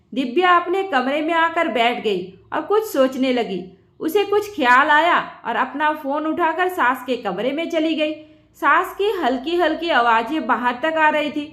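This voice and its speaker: High-voiced woman narrating a story. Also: fairly bright tone, echoey room.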